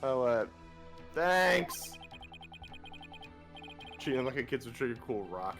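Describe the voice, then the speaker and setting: A man with a mid-pitched, lively voice reads video game dialogue aloud. He is goofy and theatrical, slipping between scripted lines and casual banter, with faint music behind him. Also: slow pace, gravelly. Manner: goofy, animated. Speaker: gaming show host reading character lines. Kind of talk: playful let's play, dramatic line reading and banter.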